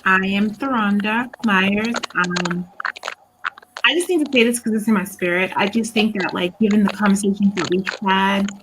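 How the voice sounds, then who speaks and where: A woman's voice: medium pitch, moderate pace. A woman counselor introducing herself on an online panel, speaking in an earnest, encouraging way over a staticky, crackly call connection. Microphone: remote call line.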